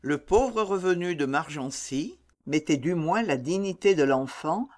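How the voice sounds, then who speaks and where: A man narrating a classic novel as an audiobook, with a measured, dramatic reading. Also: on the high side, animated, a little mellow.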